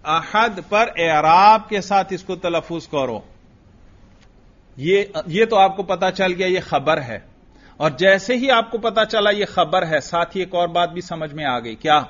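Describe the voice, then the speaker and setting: A man teaching a grammar class, his voice pitched somewhat high and heard through a dull, lo-fi recording. He quizzes students with repeated questions and answers. Now and then he chants phrases slowly, almost in a sing-song. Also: animated, a bit bright. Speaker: religious teacher.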